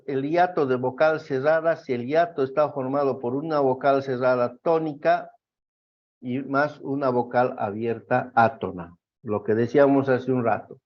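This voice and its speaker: Slow, patient male teacher. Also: mid-range voice. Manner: slow, explanatory, checks with frequent questions. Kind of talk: classroom lecture. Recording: dull lo-fi recording.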